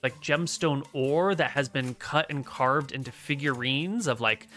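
Bright-voiced woman running a tabletop game. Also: very deep voice, soft background music. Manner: casual, halting descriptions. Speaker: game master. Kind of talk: improvised tabletop game narration.

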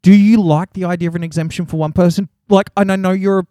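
A man's voice: high voice, fairly even intonation, fast, dark tone, no echo. A man with an Australian accent chatting casually and jokingly as a podcast co-host, using plenty of slang. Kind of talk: casual chat.

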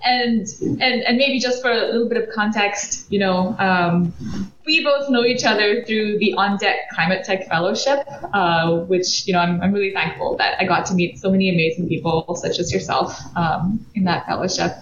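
A woman's voice: medium pitch, moderate pace, a bit bright, a little hiss or hum. A woman in her thirties, from Belgium, a podcast guest who talks casually with many fillers and restarts. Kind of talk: casual interview. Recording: echoey, muffled podcast audio.

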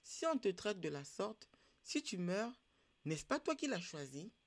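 A storyteller voicing the water as a calm mother spirit who answers softly and slowly, soothing and gently scolding. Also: medium pitch. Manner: quiet, soothing, admonishing.

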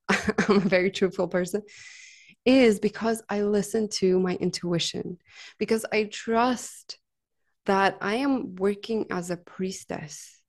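A woman's voice: medium pitch, vocal fry. A woman with a middle-range voice speaks casually about her healing work. Her tone is earnest and heartfelt, and her talk is loose and chatty, full of "like" and "right?". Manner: chatty, frequent "like" and "right?" tags. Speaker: massage therapist and healer. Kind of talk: casual conversational storytelling.

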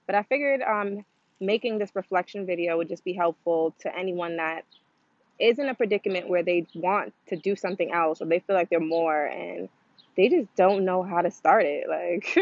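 A woman's voice: fairly low pitch, dry recording. A woman talking casually to the camera in a vlog, rambling with lots of fillers like "um" and "like" and acting out quoted voices. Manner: rambling, filler-heavy, chatty with frequent "um" and "like"; acts out quoted voices in a livelier tone. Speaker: vlogger sharing her trading story. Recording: slightly dull lo-fi audio.

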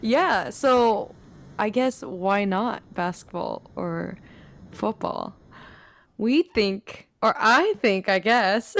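A woman's voice: mid-range voice, dry recording. A young woman from the Pacific Northwest co-hosting a podcast in a casual, friendly chat, laughing easily. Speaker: podcast co-host.

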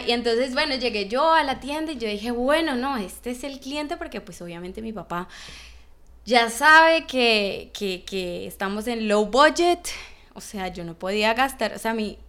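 A young woman telling a personal story in a casual, animated way, acting out the voices of the people in it. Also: on the high side. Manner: animated, acts out voices of others. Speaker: vlogger.

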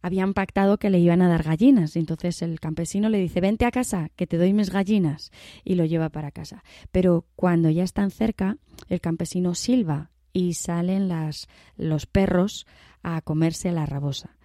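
A woman's voice: fairly low pitch, moderate pace, dry recording, clean studio sound. A woman with a Peninsular Spanish accent, from the Valencia region, casually retelling a folk tale as a guest. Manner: chatty, lively retelling. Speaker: guest commentator. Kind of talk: casual storytelling.

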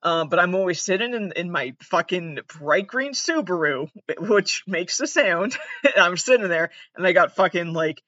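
A man from the United States with vocal fry and a monotone, deadpan delivery, hosting a podcast as a casual, self-deprecating, sweary comedic monologue. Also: high-pitched, normal speed, no room sound, dull audio. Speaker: podcast host.

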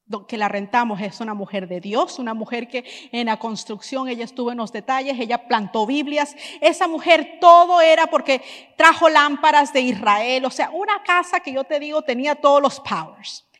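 A woman delivers a sermon as a lively personal story, slipping English phrases into her speech. Her voice sits a little high and carries the long reverb of a church hall. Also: moderate pace. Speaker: pastor's wife and preacher.

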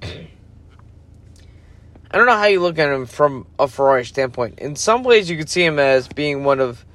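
A man's voice: on the high side, animated, normal speed, fairly bright tone. A sleepy, yawning man ranting casually as a podcast host, rambling and losing his focus. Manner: rambling, loses focus, self-interrupting. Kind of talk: casual rant.

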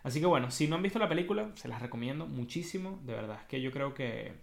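A man with a Venezuelan accent hosting a casual explanatory monologue, telling it in a colloquial, animated way with slang. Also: mid-range voice, fast, creaky. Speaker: host.

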